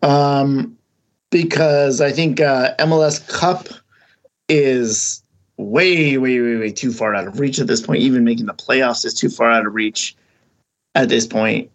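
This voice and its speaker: Gravelly dude on a podcast, just chatting casually, rambles and restarts a lot. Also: male voice, mid-range voice, measured pace. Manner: rambling, with many restarts and fillers. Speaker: podcast co-host. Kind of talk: casual chat.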